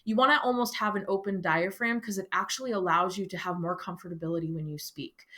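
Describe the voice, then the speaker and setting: Bright-voiced woman teaching a class. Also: mid-range voice. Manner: firm, instructive, addresses students directly. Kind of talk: classroom lecture.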